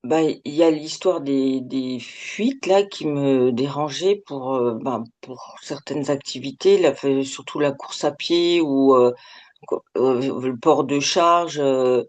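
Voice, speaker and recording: A middle-aged woman speaks candidly as an anonymous interviewee, her voice artificially lowered by a pitch shift. She talks informally and hesitantly, letting sentences trail off into filler words. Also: slow, a little mellow. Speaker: interviewee giving an anonymous testimonial.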